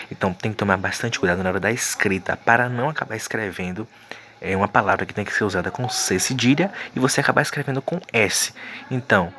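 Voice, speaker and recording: Low-voiced male teacher checking "tá certo?". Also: bright, forceful tone, a little hiss or hum. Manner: explanatory, repeats points with frequent "tá certo?". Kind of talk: recorded video lesson.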